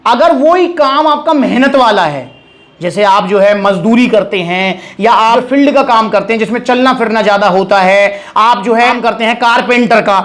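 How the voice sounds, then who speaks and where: A young man with a notably high-pitched voice speaks casually to his viewers. He is direct and chatty, calls them brothers, and hammers home each point by repeating it. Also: moderate pace, a bit bright. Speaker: supplement shop owner giving advice. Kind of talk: casual advice video to camera.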